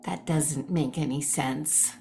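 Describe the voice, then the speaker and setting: A woman's voice: low voice, steady tone, slow pace, dark tone, slight background noise. A woman playing a chatty, nosy Tooth Fairy. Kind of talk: improvised comic scene reading. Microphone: video call.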